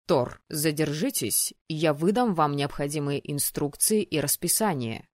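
A woman lowering her voice for a stern, clipped male dean. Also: expressive, measured pace, a little mellow, no echo, clean studio sound. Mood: curt. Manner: clipped, commanding, formal. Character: stern male dean of a magic academy, curt and cold. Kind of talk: audiobook character voice.

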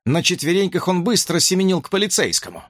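A man narrating a horror audiobook with an expressive, dramatic reading. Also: high voice, fast, no echo, clean studio sound.

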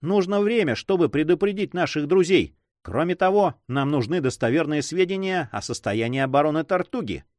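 A man's voice: a little high, expressive, fairly quick, hardly any pauses, a little mellow, no room sound, pitched above the performer's own voice, lightly acted. A man voicing a bold, brash young male adventurer in a read-aloud story, dry close sound. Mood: confident. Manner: brash, self-assured.

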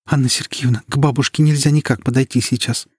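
A frightened young woman, voiced by a man pleads urgently through tears. Her tone is raised and husky, with a dry close sound. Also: medium pitch, fairly even intonation, brisk, a little mellow, dry recording, pitched above the performer's own voice, close to an everyday voice. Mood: frightened, imploring. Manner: urgent, imploring. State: crying. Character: young granddaughter maid, frightened and tearful.

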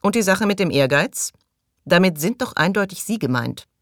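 A woman's voice: on the low side, animated, moderate pace, no echo, clean studio sound, voice pushed up, close to an everyday voice. A woman reading an audiobook and voicing a suspicious, agitated man who accuses and raises his voice. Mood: accusing.

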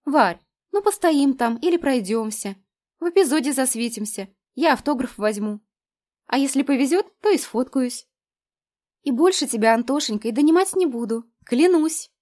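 A woman reading an audiobook who voices a bubbly, lovestruck young woman, pitched high and gushing. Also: animated, moderate pace, a little mellow. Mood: giggly. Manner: gushing, high and breathy when swooning.

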